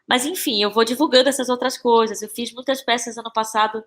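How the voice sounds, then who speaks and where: A Brazilian woman who is a playwright and actress talks fast on a podcast as a guest, her voice a little high and fairly bright, her intonation fairly even. Her Brazilian Portuguese accent comes through, and she muses casually, repeating phrases as she looks for words.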